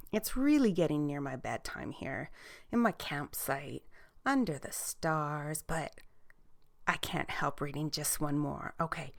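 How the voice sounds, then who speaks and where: A woman playing Lily, a cozy, cheerful children's storyteller, speaking gently and with wonder as she reads letters and tells bedtime stories. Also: low voice, full character voice. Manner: gentle, wondering, drawn-out delivery for young children. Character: Lily, cozy cheerful storyteller girl camping with her pet dragonfly. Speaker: children's story show host.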